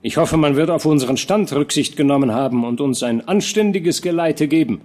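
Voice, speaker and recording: A man's voice: fairly high pitch, brisk, a little mellow, pitched above the performer's own voice, natural voice. A man reading an older noble knight and father who talks in a dignified, earnest way. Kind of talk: audiobook character reading.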